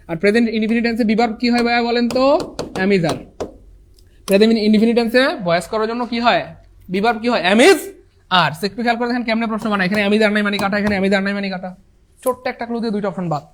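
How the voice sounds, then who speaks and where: A man's voice: high voice, fairly bright tone, a little hiss or hum. A tired man teaching an online English exam-prep class, repeating key points emphatically and calling his students brothers and sisters. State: tired after a long class.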